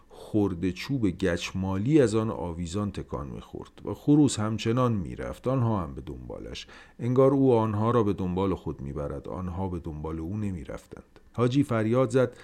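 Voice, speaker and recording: Expressive low-voiced male storyteller. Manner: expressive, dramatic pacing. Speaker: podcast storyteller. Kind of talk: literary story reading.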